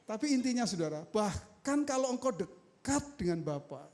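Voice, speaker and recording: A man preaching a sermon as pastor, calling out to the congregation and swinging between loud emphasis and soft asides. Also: high-pitched, very animated, moderate pace. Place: church sanctuary.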